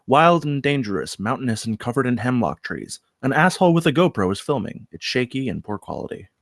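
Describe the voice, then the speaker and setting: A man with a medium-pitched, creaky voice reads a screenplay's scene headings and action aloud, swinging widely in pitch and giving phrases deliberate dramatic weight. The recording is dry, with no room sound.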